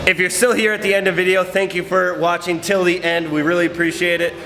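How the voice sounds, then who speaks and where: A young fitness vlogger gives casual, upbeat gym instruction full of filler words. His high-pitched voice is sharp, fast and flat in delivery. The recording has slight background noise, with a roomy gym and music behind him.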